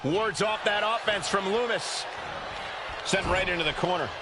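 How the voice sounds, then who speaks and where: A man's voice: sits high, moderate pace, noisy background, lightly acted. A man voicing a dramatic, emphatic wrestling color commentator in scripted video game commentary.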